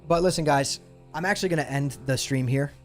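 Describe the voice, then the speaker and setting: A young adult man with a fairly high-pitched voice chats casually and briskly with his live stream viewers as he loses his voice. He's laid-back and chatty, talking to chat over soft background music.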